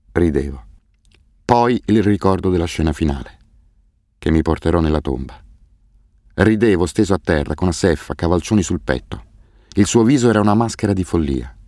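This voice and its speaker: A man reading a first-person novel aloud as an audiobook narrator, in a grave, measured way. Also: sits low, darkish tone, dry recording, clean studio sound. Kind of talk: scripted narration.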